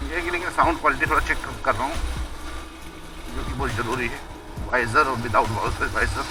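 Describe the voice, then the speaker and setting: A man speaking from inside a motorcycle helmet while out on his bike, talking in a relaxed way and thinking aloud, picked up by an action camera in a waterproof case outside the helmet. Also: medium pitch, fairly quick, over music. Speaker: motorcycle vlogger. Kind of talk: casual talk while riding. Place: outdoors on a motorbike by a road with trucks.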